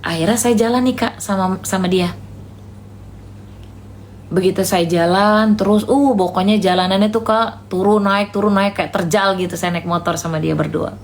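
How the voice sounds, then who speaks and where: A woman's voice: mid-range voice, steady tone, moderate pace, slight background noise. A woman preacher giving casual religious advice to a live online room, calling her listener "Kak" and retelling conversations in a chatty way. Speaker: Islamic preacher answering questions.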